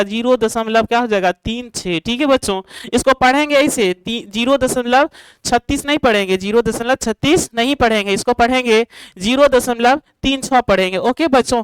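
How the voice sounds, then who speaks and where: A woman's voice: a little high, smooth, no echo, poor audio. A woman teaching a math lesson to students online, repeatedly asking rhetorical questions and answering them herself, and checking in with the class as she goes. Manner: drawn-out, repetitive explanation.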